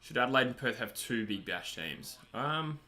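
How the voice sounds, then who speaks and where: Australian male streamer, 20s, chatty self-deprecating host, bright tone. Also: mid-range voice, expressive, normal speed. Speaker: livestream host reading chat. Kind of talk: casual live chat over a cricket match.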